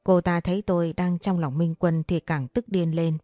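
A woman narrates a first-person story in a steady, earnest reading voice. Her tone is low and mellow, recorded dry and close, with faint music playing underneath. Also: normal speed, dry recording.

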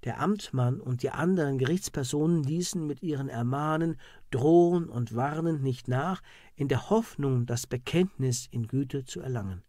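Mann liest altes gerichtsprotokoll vor, ruhig und feierlich, ganz trockener klang. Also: male voice, mid-range voice, darkish tone, dry recording, clean studio sound. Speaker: narrator. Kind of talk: reading of a historical court record.

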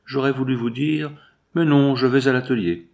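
A man voicing a troubled male foreman who speaks haltingly in a storybook reading. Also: mid-range voice, steady tone, darkish tone, natural voice.

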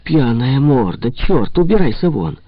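A man's voice: medium pitch, very animated, a little slow, dry recording, pitched above the performer's own voice. A man voicing a hot-tempered, flustered woman who runs the house and scolds sharply, in a slightly dull lo-fi recording. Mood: scolding.

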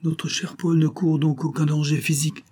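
A man reading an audiobook, voicing a smooth-talking older viscount with falsely affectionate manners. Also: a little high, level tone, moderate pace, mellow, pitched above the performer's own voice. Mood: honeyed.

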